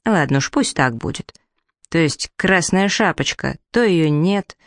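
A woman's voice: deep voice, expressive, measured pace, no echo, clean studio sound. A woman voicing a grumpy, impatient male forest creature with fur, who grumbles and mutters. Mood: grumbling. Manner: grumbling, muttering, put-upon.

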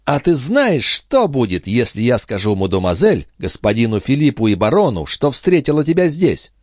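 A man's voice: mid-range voice, big pitch swings, moderate pace, darkish tone, no room sound, clean studio sound, pitched above the performer's own voice. A man voicing an indignant young maid who threatens and reproaches, in an audiobook. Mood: threatening. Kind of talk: audiobook character reading.

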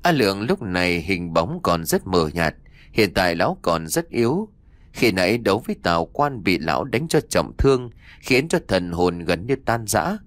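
A man narrating a fiction audiobook in an expressive storytelling manner. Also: low voice, no room sound.

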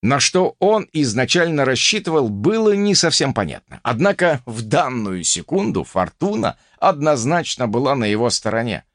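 A man narrating a first-person fantasy audiobook, brisk and vivid. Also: mid-range voice, sing-song, fairly bright tone, no room sound, clean studio sound.

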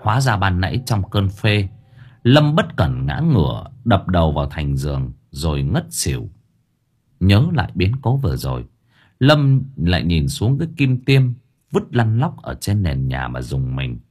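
A man narrating a scripted audiobook story in an expressive storytelling manner. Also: low-pitched, measured pace, slightly rough.

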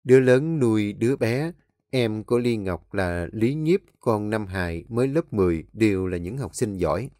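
A man's voice: on the low side, normal speed, no room sound. Man narrating a story, dry sound. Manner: steady storytelling. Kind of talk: audiobook narration.

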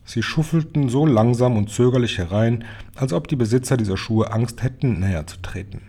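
A man reading a children's storybook aloud with steady, plain narration. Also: medium pitch, fairly quick, breathy edge. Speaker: reader.

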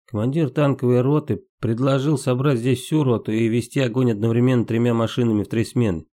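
A man's voice: medium pitch, fairly even intonation, a little fast, mellow. A man reading a first-person war memoir aloud in terse, matter-of-fact, clipped sentences.

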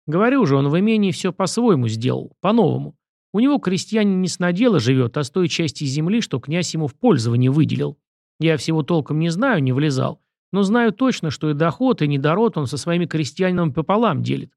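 A man's voice: on the high side, sing-song, a little fast, vocal fry, a little mellow, no room sound, clean studio sound. A man voicing a proud, stubborn commoner who argues in a folksy, vehement way.

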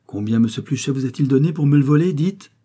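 A man reading aloud and voicing a firm, dignified young widow who speaks calmly and clearly. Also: medium pitch, fast talker, pitched above the performer's own voice, close to an everyday voice. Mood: accusing.

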